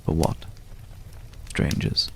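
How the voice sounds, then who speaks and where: Here a man voices an aged, weary companion with courtly manners for an intimate ASMR roleplay, speaking archaic, formal lines in a low, gravelly voice broken by long pauses. It's lightly acted, earnest and questioning in mood, with slight background noise.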